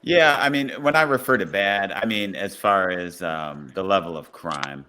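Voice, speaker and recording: A man's voice: low-pitched, moderate pace, bright, forceful tone, a little hiss or hum. A man, a police officer guest, talking reflectively in a casual podcast conversation, often saying "you know".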